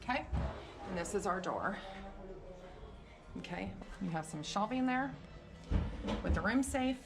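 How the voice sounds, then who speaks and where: A woman's voice: mid-range voice, expressive, a little slow, vocal fry, music in the background. A woman vlogger chatting casually as she walks through and shows a room, a little out of breath. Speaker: vlogger giving a room tour. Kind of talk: casual room tour narration.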